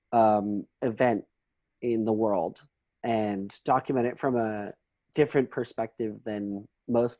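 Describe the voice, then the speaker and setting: A man's voice: medium pitch, darkish tone, dry recording, low-quality recording. A young man from Hong Kong, a photographer, answering interview questions in a loose, rambling way with many ums.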